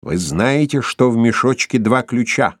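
A man's voice: medium pitch, animated, unhurried, slightly rough, no echo, clean studio sound. A man reading the lines of a cruel, jealous tyrant with a sinister, mocking manner. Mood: menacing.

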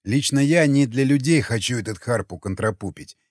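A man reading the lines of a gruff, menacing cannibal in an audiobook, coarse and threatening, with a lively pitch and a dry sound. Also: normal speed, no room sound, close to an everyday voice. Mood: musing.

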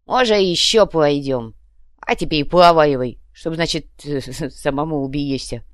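Lisping savage tough guy for an audiobook, slow and unbothered, read by a woman, low and dry. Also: no room sound. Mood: gruff. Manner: slow, flat delivery with a lisp. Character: calm male savage thug, slow and lisping. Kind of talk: audiobook reading.

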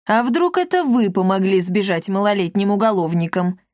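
Woman voicing a gendarme chief, smug, sly, condescending, mid pitch, storybook. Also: moderate pace, darkish tone, no room sound, studio quality, natural voice.

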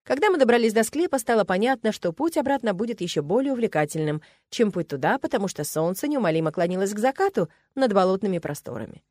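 A woman narrating an audiobook in the first person, with a wry, expressive delivery. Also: mid-range voice, fast talker, few pauses, dry recording, studio quality. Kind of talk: scripted narration.

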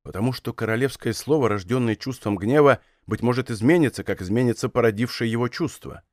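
A man voicing a calm, cheeky musketeer. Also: mid-range voice, brisk, dry recording, voice pushed down, lightly acted. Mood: reasoning. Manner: calm, dry and ironic. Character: bold male musketeer captain, calm and cheeky. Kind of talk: audiobook character reading.

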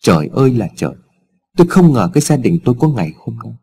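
A man doing a grieving older mother in a storybook, lamenting and fretting anxiously. The voice is husky and warm, with a lively, swinging pitch. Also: fast talker, full character voice. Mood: distressed. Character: distraught older mother, wailing.

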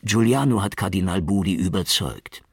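A man's voice: sits low, expressive, normal speed, vocal fry, husky, dry recording, studio quality, pitched above the performer's own voice, heavily acted. A man voicing an enthusiastic, talkative Italian male journalist in an audiobook. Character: cheerful Italian male journalist, eager and warm.

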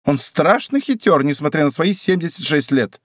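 A man's voice: lively intonation, normal speed, no echo, clean studio sound. A man voicing a miserly, lovestruck middle-aged prosecutor's wife who pleads and scolds. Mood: eager. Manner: pleading, shrill, emotional.

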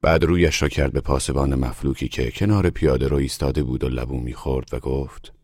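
A man reading a literary short story aloud in a measured, even way. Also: a bass voice, no room sound, clean studio sound. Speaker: audiobook narrator. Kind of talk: scripted literary narration.

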